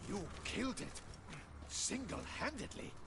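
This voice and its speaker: An actor playing a stern, proud military guard captain in a video game, curt and bitter. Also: male voice, high-pitched, big pitch swings. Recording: distant game audio with noise.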